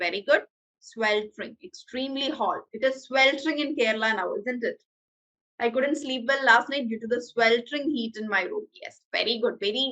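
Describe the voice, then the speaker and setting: A woman with a Malayali accent leads an online English lesson. Her voice sits a little high, and she talks at an unhurried pace, pausing often. She keeps encouraging her students over the video call. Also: fairly bright tone, low-quality recording. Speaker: English teacher.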